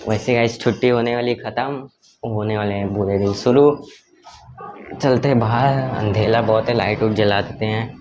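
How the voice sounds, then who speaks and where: A man's voice: lowish voice, fairly even intonation, normal speed. A young man vlogging at home on a phone, chatting casually with his viewers and teasing. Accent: Hindi. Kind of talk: casual vlog chat. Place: home, indoors. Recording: faint background noise.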